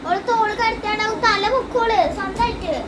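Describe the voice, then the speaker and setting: A woman's voice: very high-pitched, little pitch movement, fast talker, a crowd in the background. A woman, chatting and explaining a baby's habits at home.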